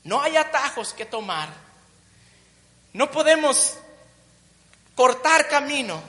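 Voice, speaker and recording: A woman's voice: sits high, animated, takes it slowly, sharp tone. A woman preaching a sermon, building emphatic repeated phrases and tossing in joking asides. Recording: long reverb of a large hall.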